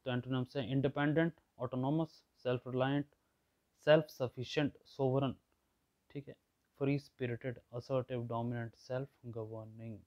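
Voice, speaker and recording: Guy explaining vocab words, mid pitch, keeps checking in, kinda muffled audio. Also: fairly even intonation, moderate pace. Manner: explains words with everyday examples, often checks in with listeners. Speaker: vocabulary teacher. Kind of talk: explanatory lesson.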